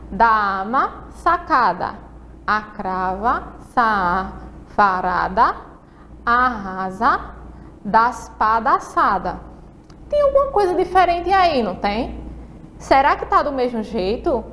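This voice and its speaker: A Brazilian woman teaching young children, her voice pitched high and bright. She breaks words down slowly, letter by letter, and keeps checking that the class is following. A faint hiss sits under the recording. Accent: Brazilian Portuguese. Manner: slow, spelled-out letter-by-letter explanations with frequent check-ins. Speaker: primary school teacher. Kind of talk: televised lesson for children.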